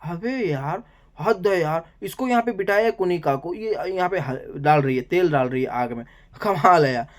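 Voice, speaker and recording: A man giving a casual, animated recap of a reality show, talking colloquially and saying "bhai" often. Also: high voice, normal speed.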